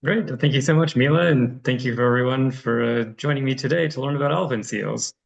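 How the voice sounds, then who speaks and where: Guy talking over a video call, super gravelly fry, chill and um-heavy. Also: mid-range voice, fast, dull audio. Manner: friendly, loose, with frequent ums. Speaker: reserve director giving a public talk. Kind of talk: online presentation with screen sharing.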